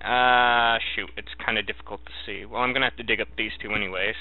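A man giving casual, halting game commentary, thinking aloud as he plays. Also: on the low side, steady tone. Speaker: gamer narrating a let's play. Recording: thin, narrow phone-like sound.

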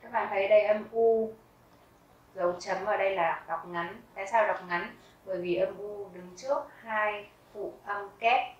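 Woman teacher, measured and unhurried, repeats each word for learners; recorded off-mic in a roomy space. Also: medium pitch, distant mic, muffled recording, slight background noise. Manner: reads each word twice, slowly and carefully. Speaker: German teacher. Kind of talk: slow vocabulary lesson with pronunciation drills.

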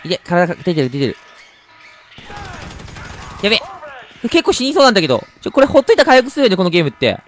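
Excitable man commentating a game. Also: high-pitched, fast talker, long pauses, faint music behind. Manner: excitable, chatty, laughs often. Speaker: game streamer. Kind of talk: let's play commentary.

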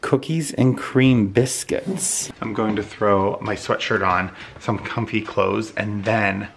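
Against a noisy background, a gravelly, lowish voice talks slowly: an American man in his thirties chatting in a casual home vlog. A cold has him congested, his voice giving out, and he records on a handheld phone or camera at arm's length.

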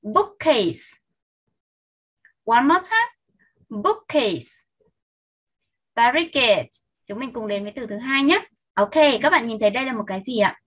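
Cô giáo giọng khàn dạy tiếng Anh. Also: female voice, on the high side, animated, a bit bright. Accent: Vietnamese. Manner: patient, slow and clear, repeating sounds for children. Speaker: English teacher. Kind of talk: online vocabulary lesson. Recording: dull lo-fi sound.

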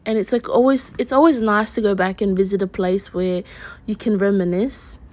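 A young adult woman chatting informally to a vlog audience in a drowsy, low-key way, on a handheld phone. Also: steady tone, moderate pace, a little mellow. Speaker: vlogger. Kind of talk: casual vlog chat. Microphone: phone at arm's length. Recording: noisy handheld phone recording, ambient sounds.

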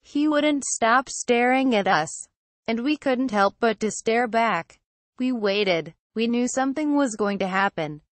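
A woman reading a horror story aloud in a steady, somber storytelling manner. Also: fairly high pitch, unhurried, no room sound. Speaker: narrator.

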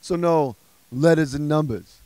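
A man's voice: fairly high pitch, unhurried, a little mellow, no room sound, poor audio. A man doing stand-up comedy, exasperated and ranting through strings of rhetorical questions.

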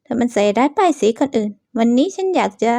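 A woman's voice: fairly high pitch, expressive, fast, vocal fry, mellow, dry recording. A woman voicing a loyal young female friend who speaks up protectively and pleads on another's behalf. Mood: indignant.

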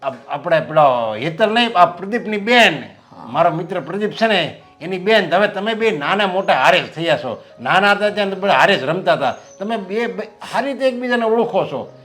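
A firm, lecturing middle-aged father, reasoning in homespun sayings. His voice sits a little high for a man, with soft music running behind him. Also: lively intonation, normal speed. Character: stubborn traditional father arranging son's marriage.

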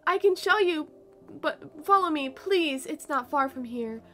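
A woman voicing a small, timid male rat in a game, speaking formally and gently. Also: high-pitched, lively intonation, a little slow, full character voice. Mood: polite.

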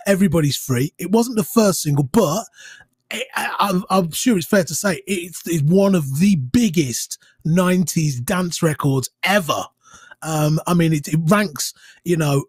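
A man hosts the chat on a close studio mic with headphones on, keen and tripping over his restarts. His voice sits high and sounds husky, and the sound is dry. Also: darkish tone, dry recording. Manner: enthusiastic, stammering restarts. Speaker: host. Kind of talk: casual interview. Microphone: headset and studio mic.

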